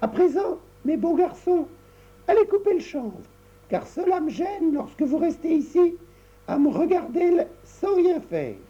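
A man's voice: very animated, a little slow, dark tone, heavily acted. A man voicing a serious, impatient little girl who knits, in a storybook reading. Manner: shrill and bossy. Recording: dull lo-fi recording.

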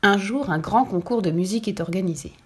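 A woman's voice: medium pitch, fairly quick. Woman reading a children's story. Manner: clear, steady narration.

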